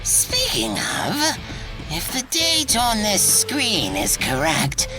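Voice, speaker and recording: A woman's voice: medium pitch, huge pitch swings, takes it slowly, music in the background. Woman voicing a wildly swooping, languid reptilian occultist. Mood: haughty, aggrieved. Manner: languid, theatrical, lascivious. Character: Aleister Crowley reborn as lewd, haughty male reptilian occultist.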